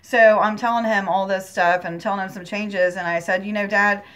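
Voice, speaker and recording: A spiritual channel host talks straight to her viewers about a spiritual experience, calling them "guys" as she rambles and repeats herself. Her medium-pitched voice is smooth and fairly bright, with fairly even intonation and a moderate pace. She sounds earnest and emotional, close to tears at moments.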